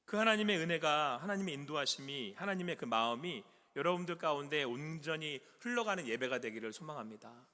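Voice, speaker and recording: A man preaching a sermon as pastor, asking the congregation questions and swinging from loud calls to soft whispers. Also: on the high side, lively intonation, fairly quick, hardly any pauses. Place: church sanctuary. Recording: long hall reverb.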